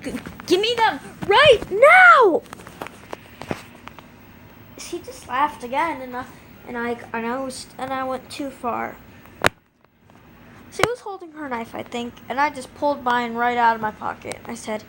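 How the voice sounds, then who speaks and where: A woman's voice: fairly high pitch, moderate pace, heavy background noise. A woman telling an improvised first-person scary story, rambling with fillers and restarts.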